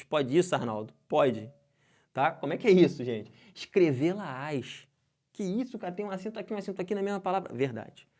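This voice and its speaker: Lively Brazilian man teaching grammar. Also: mid-range voice. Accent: Brazilian Portuguese. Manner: lively, asks the class questions, stretches out example words. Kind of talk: exam-prep grammar lesson.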